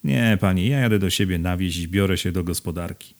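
A man's voice: low-pitched, fairly quick. A man playing a curt self-important official. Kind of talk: audiobook character reading.

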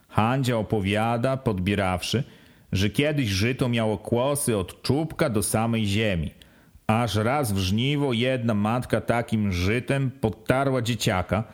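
Guy reading a village novel out loud, lively, does little voices for the farmers. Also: lowish voice. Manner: lively, switches voices for rural characters. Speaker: audiobook reader. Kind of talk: dramatic novel reading with dialect.

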